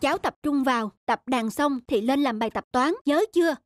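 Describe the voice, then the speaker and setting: A performer voicing a strict, quick-tempered young stepmother in a children's cartoon, with a sharp, scolding way of talking. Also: sits high, close to an everyday voice. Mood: stern.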